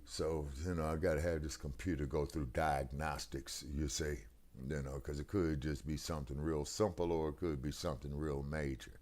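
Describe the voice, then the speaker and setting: Deep and low-pitched, this American man speaks over a headset on a video call that breaks up now and then, co-hosting a talk stream's casual political discussion. His delivery is flat and darkish at a moderate pace, yet emphatic and preachy, and he keeps asking "you see what I'm saying?"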